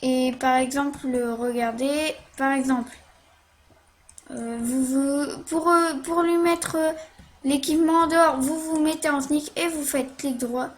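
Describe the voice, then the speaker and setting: Slow, high-voiced woman explaining a game. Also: steady tone. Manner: hesitant, many fillers and "hop" while playing. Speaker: game tutorial narrator. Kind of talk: casual screen-recorded game tutorial.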